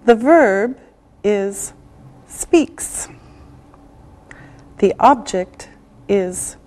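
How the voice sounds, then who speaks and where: A woman's voice: mid-range voice, animated, drawn-out words, warm tone. A woman teaching a beginner language lesson, speaking with careful enunciation and repetitive drilling. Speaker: English teacher.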